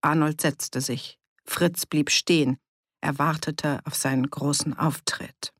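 An audiobook narrator reading a village novel in even, measured scripted narration. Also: mid-range voice, no room sound, clean studio sound.

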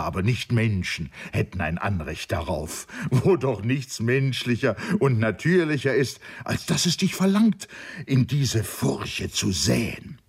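A man's voice: medium pitch, husky, heavily acted. A man voicing an exuberant, mocking young friend who teases in a sing-song way, in an audiobook. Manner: teasing, jubilant, sing-song. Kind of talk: audiobook character voice.

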